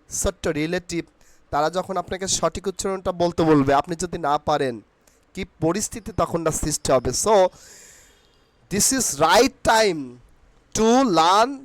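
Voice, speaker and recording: A man's voice: sits high, no room sound. A man with a Bangladeshi accent teaching English pronunciation, repeating each word many times and asking and answering his own questions. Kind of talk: drilled pronunciation lesson.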